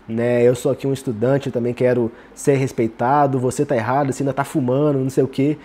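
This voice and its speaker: Man playing proud young student, feverish, indignant, insistent retorts, mellow voice. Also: mid-range voice, little pitch movement, fast, close to an everyday voice.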